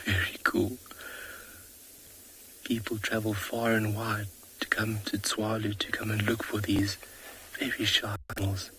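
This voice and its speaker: Man, whispering, low flat voice, awed safari commentary, clear outdoor ambience behind. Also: slight background noise, rough recording. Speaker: safari guide. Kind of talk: whispered live wildlife commentary. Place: outdoors at a watering hole.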